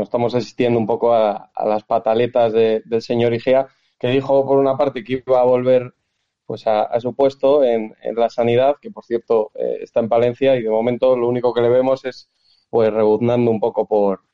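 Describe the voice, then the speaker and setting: A man speaks over a telephone line that dulls his voice. His pitch sits in the middle range. He answers at a measured pace, often pausing on fillers and restarting his sentences. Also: flat delivery. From Castile and León, Spain. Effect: heard over a telephone line. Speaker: political candidate being interviewed. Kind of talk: phone interview, political talk. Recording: muffled phone line.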